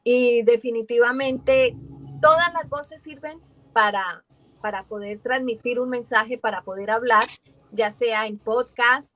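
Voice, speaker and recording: A voice actress from Valle del Cauca in Colombia with a Colombian accent, chatting in an interview and telling her story in a lively way, acting out the voices she quotes. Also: fairly high pitch, measured pace. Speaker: voice actress guest. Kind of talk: casual interview chat.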